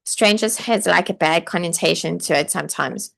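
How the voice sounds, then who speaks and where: Speaking at normal speed, a woman with a lowish, gravelly but fairly bright voice hosts a live online training session. She encourages aspiring online teachers in a chatty way, reads viewer comments aloud, and repeatedly uses "like" and "okay."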